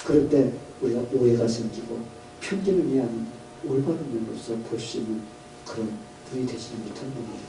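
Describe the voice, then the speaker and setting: A man's voice: medium pitch, a little fast, dark tone, echoey room, recorded from a distance, slight background noise, poor audio. A male pastor preaching a sermon, telling a parable and asking the congregation questions. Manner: storytelling with questions to the congregation, voicing characters. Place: church sanctuary.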